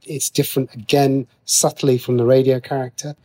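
A writer for TV and radio, appearing as a guest, answers interview questions in a mellow, mid-range male voice. His delivery is flat and his pace moderate, and he talks casually, often interrupting his own sentences as he explains.

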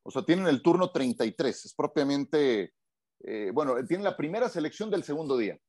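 A man's voice: a little high, big pitch swings, a little fast, darkish tone, no echo. A man hosting a casual sports talk show, chatty and steering the conversation on a close, dry mic. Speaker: podcast host.

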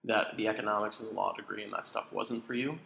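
A man interviewing people casually, asking quick friendly questions. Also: lowish voice, fairly even intonation, vocal fry, sharp tone. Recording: echoey room.

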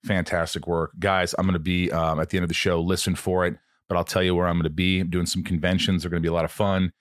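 A man in his late forties hosting a podcast, chatting casually and telling stories in an animated, joking way. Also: low voice, fast talker, no echo, clean studio sound. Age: 40s. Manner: animated, jokey storytelling. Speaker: podcast host.

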